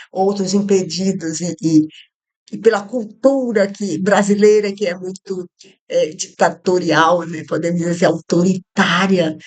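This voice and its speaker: This woman, from Rio Grande do Norte and speaking Northeastern Brazilian Portuguese in a lowish voice, gives an informal Bible study talk. She meanders through asides, full of fillers and restarts. It's recorded at home, not a studio, with traffic audible outside and soft music in the background.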